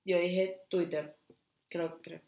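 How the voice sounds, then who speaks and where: A woman's voice: on the low side, steady tone, slow pace, vocal fry, darkish tone, reverberant. A young woman with a Venezuelan accent co-hosting a podcast, chatting playfully and laughing often. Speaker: podcast co-host. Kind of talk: casual chat.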